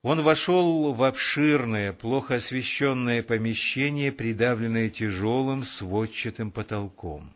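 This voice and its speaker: Man, audiobook narration, calm, measured, mid pitch, dull sound. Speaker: audiobook reader.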